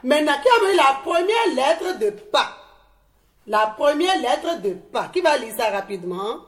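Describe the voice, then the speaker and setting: A woman teaching young pupils on a televised lesson, speaking slowly and encouragingly in a studio classroom. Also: high-pitched, big pitch swings. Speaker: primary school teacher.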